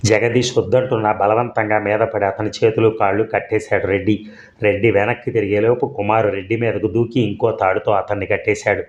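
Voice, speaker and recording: Low-voiced man narrating a story. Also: little pitch movement, a little fast, lo-fi sound.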